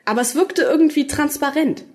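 A woman reading the lines of a nervous but sharp-tongued young female companion in a storybook. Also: high-pitched, a little fast, voice pushed up, natural voice. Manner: jumpy, sassy.

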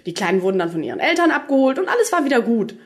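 A woman reading the lines of a quirky, excitable male alien time traveller in a storybook. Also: on the high side, very fast, voice pushed up. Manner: excitable, rambling, lively.

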